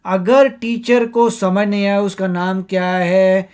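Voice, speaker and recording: A man from India co-hosting a reaction vlog, arguing point by point in a measured way. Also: high-pitched, steady tone, darkish tone, smooth. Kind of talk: casual commentary in Hindi mixed with English.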